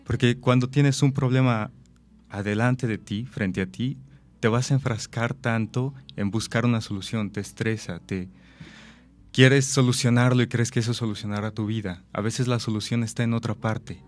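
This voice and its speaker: A man's voice: medium pitch, steady tone, moderate pace. A man, an actor and director, explaining his ideas thoughtfully with examples and rhetorical questions. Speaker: actor and director, interview guest. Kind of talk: reflective interview talk.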